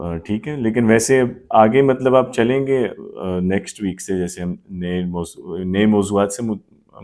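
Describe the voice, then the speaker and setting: A man's voice: fairly low pitch, a little mellow. A man teaching Arabic grammar in a live online class, patiently explaining with many examples.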